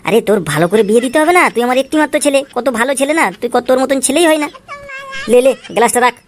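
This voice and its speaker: A woman's voice: very fast, close to an everyday voice. A woman voicing a scheming father who sweet-talks his son in a cartoon. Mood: flattering. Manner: coaxing aloud, cursing in low mutters. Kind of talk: Tweencraft cartoon voice acting. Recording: music playing behind the voice.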